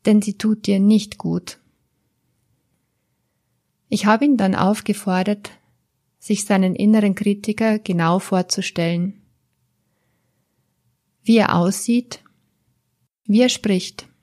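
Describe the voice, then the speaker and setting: Slow, gentle German-speaking woman coach. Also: medium pitch. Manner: calm, gentle, speaks straight to the listener. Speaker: therapist or coach. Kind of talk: slow, guiding talk to the listener.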